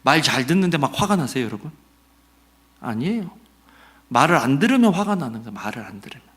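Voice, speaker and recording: A middle-aged man preaching a Sunday sermon as pastor, conversational and animated, asking the congregation questions and acting out quotes. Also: medium pitch, fast talker.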